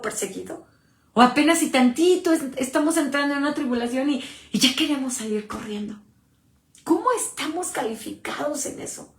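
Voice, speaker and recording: A woman giving a devotional sermon, exhorting her listeners with many rhetorical questions. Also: high voice. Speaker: preacher. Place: church. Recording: roomy echo.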